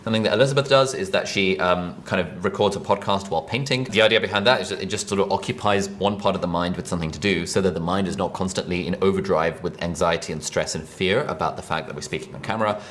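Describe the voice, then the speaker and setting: A British man teaching an online course, talking casually and chattily to camera from a desk. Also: deep voice. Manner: relaxed, chatty, fast-talking. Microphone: mic above speaker, seated at desk.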